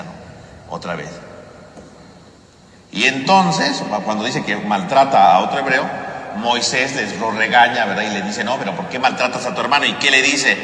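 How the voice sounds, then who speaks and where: A man's voice: mid-range voice, sharp tone, a little hiss or hum. A man with a Mexican Spanish accent, a priest giving a conversational Bible study lecture, tagging questions onto nearly every phrase. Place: parish church hall. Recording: echoey hall with faint ambience.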